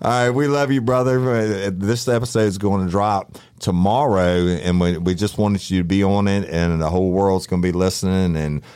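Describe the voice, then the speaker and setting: A man's voice: sits low, fairly even intonation, moderate pace, hardly any pauses, a little mellow, clean tone. A man co-hosting a podcast, talking in a natural, unscripted way with boisterous, joking banter. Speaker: podcast co-host. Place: podcast studio.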